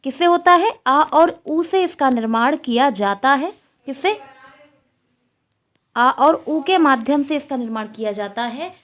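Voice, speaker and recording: A woman's voice: high-pitched, lively intonation, unhurried, fairly bright tone. A woman teaching a Sanskrit exam-prep lecture, asking questions and repeating the answers.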